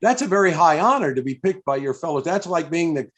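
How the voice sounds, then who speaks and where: Speaking from indoors over a video call, an older American man interviews a guest in a casual, chatty live conversation. He's effusive and reminiscing, often repeats himself, and talks fast in an animated, slightly high voice.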